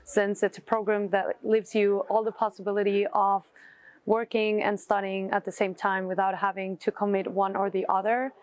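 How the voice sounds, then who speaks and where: A woman in her thirties from Mexico, a master's student, giving an earnest, measured testimonial outdoors. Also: mid-range voice, level tone, no room sound. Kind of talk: testimonial interview. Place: outdoor courtyard.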